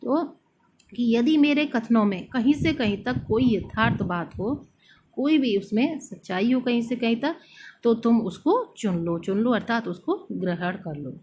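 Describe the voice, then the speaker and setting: A woman teacher reciting poem verses slowly and then explaining them line by line, often pausing with fillers. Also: fairly high pitch, a little mellow. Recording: dull lo-fi recording, faint noise.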